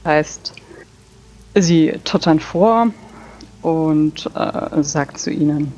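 Slow-spoken woman player, slightly dull mic. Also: low voice, darkish tone, slight background noise. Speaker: tabletop role-play player. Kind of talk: casual game narration and rules talk. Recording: dull lo-fi mic over background music.

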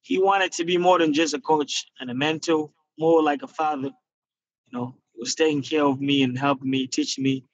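Speaking from his parked car over a phone video call, this Nigerian guest fighter in his twenties answers interview questions in a casual, earnest, thoughtful way with lots of fillers. His voice leans high, with fairly even intonation at a moderate pace, and the sound is dull and lo-fi.

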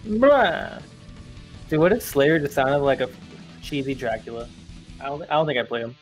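A man giving excitable, joking color commentary during a live fighting game stream. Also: mid-range voice, brisk, faint music behind.

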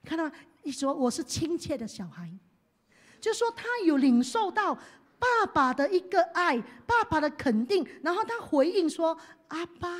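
A woman pastor preaching a sermon. She swings from hushed to loud and leads the congregation in call-and-response. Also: sits high.

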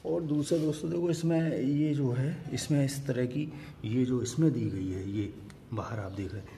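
A motorcycle vlogger films on his phone at home beside a marble staircase, talking casually about a hands-on product comparison. His voice is mid-range and his pace normal, with noise in the background.

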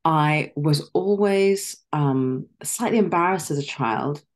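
A middle-aged woman from Zimbabwe, an actress and guest, chatting on a video call from a dim room at home. She speaks articulately and reflectively, with soft laughs and filler ums. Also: sits low, takes it slowly. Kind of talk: casual interview chat.

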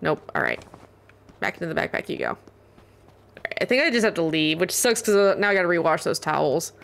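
A woman's voice: fairly low pitch, animated, fairly quick, creaky, a bit bright, a little hiss or hum. Casual cursing woman game streamer. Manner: casual, swears, mutters to herself. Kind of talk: live gameplay commentary.

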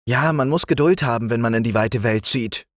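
A man voicing a modest, devoted green frog in a storybook reading, speaking gently. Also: mid-range voice, a little fast, dry recording, studio quality, pitched above the performer's own voice, close to an everyday voice. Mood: gentle.

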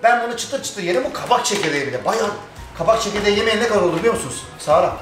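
Thracian Turkish man, excitable vlog host, quick patter, echoey room with music behind. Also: high-pitched. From Turkey. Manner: excited, chatty, laughing often. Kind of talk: casual vlog chat.

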